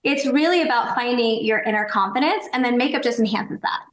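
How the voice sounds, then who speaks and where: A candid, chatty woman in her forties, speaking as a podcast guest with a slightly high voice. Her talk is easygoing and peppered with "like". The recording has a roomy echo around her. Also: a little fast. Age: 40s. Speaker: guest, makeup seller. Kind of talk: casual interview chat.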